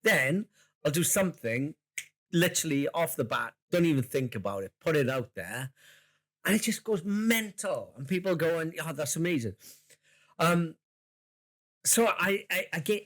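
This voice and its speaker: A man's voice: on the high side, lively intonation, normal speed, a bit bright. Guy chatting on a podcast, rambles, cracks jokes, laughs and swears a bit. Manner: rambling, jokey, laughs often, swears casually. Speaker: podcast co-host. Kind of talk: casual chat.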